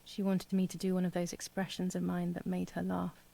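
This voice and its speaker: An actress voicing a young woman grieving her lost twin sister, narrating her thoughts quietly in a game voice-over with a husky, gravelly voice. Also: on the low side, completely flat delivery, fairly quick, rough recording. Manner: quiet, reflective inner monologue.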